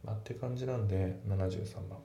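Low, gravelly-voiced man teaching. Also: highs cut off. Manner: calm, methodical, reads English slowly. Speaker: English teacher. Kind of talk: explaining English grammar and pronunciation. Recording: echoey room with faint background noise.

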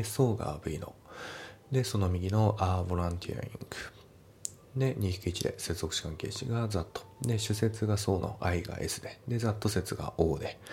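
A man with a very low, gravelly voice talks through an English test lesson, breaking each sentence into parts. He reads the English lines slowly and deliberately, then drops back into relaxed explanation. A faint low rumble sits under the recording. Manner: explains grammar step by step, slowly models English lines, casual Japanese asides. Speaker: English teacher. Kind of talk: TOEIC lesson walkthrough.

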